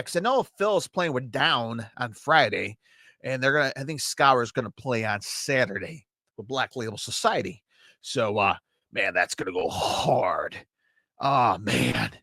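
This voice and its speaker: A man's voice: medium pitch, pushed and bright, no echo, studio quality. A man with a Chicago accent hosting a podcast, reviewing metal albums in an enthusiastic, profane, rambling way. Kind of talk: casual solo podcast review.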